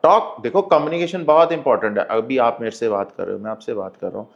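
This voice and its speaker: A man's voice: medium pitch, fast talker, vocal fry, highs cut off. A man, a life coach, giving earnest, emphatic advice in a podcast interview, switching between Hindi and English. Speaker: life coach and hypnotherapist guest.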